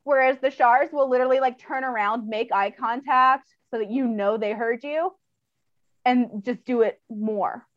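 A woman's voice: fairly high pitch, normal speed, no room sound. A woman who trains dogs, speaking as an interview guest in a casual, chatty way, full of fillers and laughter, on slightly dull audio.

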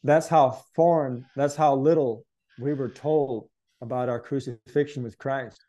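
A man's voice: mid-range voice, fairly even intonation, a little slow, mellow. A man earnestly recounting a spiritual experience as an interview guest, reflective and searching for words. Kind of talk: conversational testimony.

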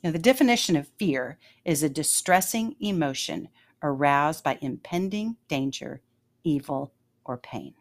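A low-pitched woman delivers scripted devotional narration. She is calm and measured, weaving a personal story into an earnest message of faith and leaning on key phrases. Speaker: devotional podcast host.

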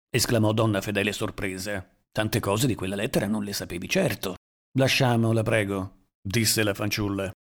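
A man narrating a literary novel in a measured, even reading style. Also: lowish voice. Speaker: audiobook narrator.

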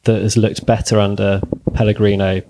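Male podcast host, gravelly voice, halting casual talk. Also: lowish voice, little pitch movement, noisy background. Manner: hesitant, halting. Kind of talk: casual football chat.

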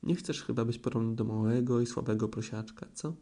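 A man's voice: medium pitch, steady tone, brisk, mellow, close to an everyday voice. A man voicing a kindly but firm mother kangaroo in a storybook reading, coaxing and motherly. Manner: coaxing, bossy-sweet.

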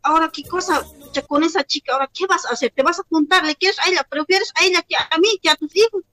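A woman's voice: very high-pitched, fast talker, pushed and bright, dry recording, poor audio. A woman playing a wronged wife in a comedy radio sketch, reproachful and repeating herself. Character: wronged wife, hurt and pleading.

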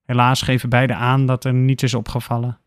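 A man narrating an audiobook story in a steady, even delivery. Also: mid-range voice, fairly quick, no echo, studio quality.

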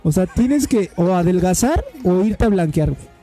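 Teasing young Mexican man, high voice. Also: big pitch swings, moderate pace, music in the background. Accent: Mexican Spanish. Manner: loud, teasing, crude slang. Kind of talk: crude casual banter among friends.

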